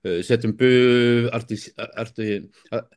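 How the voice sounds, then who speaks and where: A Belgian man with a Flemish accent, whose native language is Dutch, appears as an expert guest in an interview, explaining his field. His voice is mid-range, steady, and a little mellow, and he speaks slowly, hesitating, searching for words, and using many fillers.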